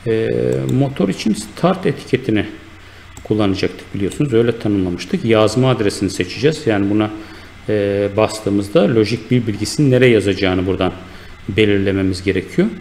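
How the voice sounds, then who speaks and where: A man with a low, gravelly voice walks through a screen-recorded software tutorial step by step. He speaks in an unhurried way, pausing on fillers and correcting himself as he clicks along. A faint hiss sits under his voice. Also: animated. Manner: unhurried, explanatory, with frequent fillers and self-corrections. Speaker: instructor.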